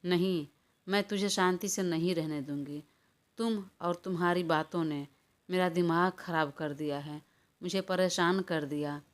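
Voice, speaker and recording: A woman's voice: on the low side, fairly even intonation, unhurried, natural voice. A woman voicing a stubborn, hot-tempered young woman who quarrels and makes demands, in a storybook reading. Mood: angry.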